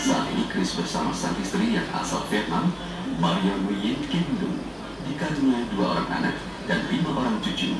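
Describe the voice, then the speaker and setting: A man's voice: medium pitch, big pitch swings, normal speed, heavy reverb, far from the mic, over loud music, low-quality recording. A man reading scripted narration for a television documentary segment.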